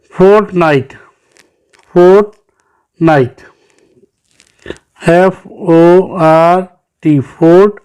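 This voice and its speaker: The audio is dull, but the man's voice comes through high, a little mellow, clear and resonant. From Pakistan, he is recording an English lesson for children, explaining in Hindi-Urdu with English terms mixed in and patiently sounding out words syllable by syllable.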